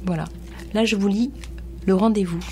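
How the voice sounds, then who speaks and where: A woman presenting children's books on a radio show, talking gently with many hesitations and reading a bedtime story aloud. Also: medium pitch, fairly even intonation, moderate pace, a little hiss or hum. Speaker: children's book reviewer on radio. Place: radio studio.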